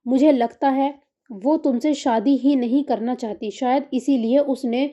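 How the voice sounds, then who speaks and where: A woman's voice: high-pitched, steady tone, mellow. A woman reading the lines of a distressed middle-aged aunt who pleads anxiously, in an audiobook story. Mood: tearful.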